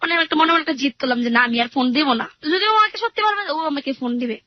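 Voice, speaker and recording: A woman's voice: high voice, lively intonation, fast, no echo, highs cut off. A young woman earnestly retelling her own life story in a rambling way, with many fillers. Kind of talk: personal storytelling interview.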